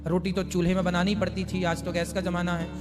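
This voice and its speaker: A man, a spiritual teacher, calmly answering devotees' questions and explaining with everyday examples. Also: high voice, fast talker, long reverb tail, music in the background. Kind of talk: religious question-and-answer discourse.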